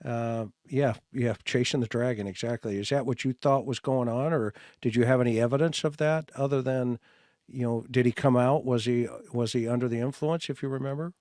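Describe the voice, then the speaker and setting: A man hosting an interview, asking questions in a halting way with frequent restarts. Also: mid-range voice, steady tone, a little mellow, dry recording, studio quality. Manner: halting, with restarts and filler words. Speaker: host.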